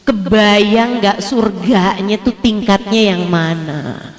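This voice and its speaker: A woman teaching religion in a lively sermon, acting out quotes with a raised voice and slowing to a soft prayerful tone. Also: medium pitch. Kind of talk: online religious study sermon.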